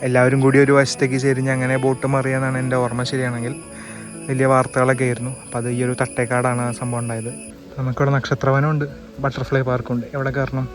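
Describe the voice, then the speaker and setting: A man talks through a casual walking-tour vlog outdoors. His delivery is quick and chatty, while his pitch stays fairly even and flat. Loud background music plays under his voice. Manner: chatty, explains sights as he walks. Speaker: travel vlogger. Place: outdoors at a nature sanctuary.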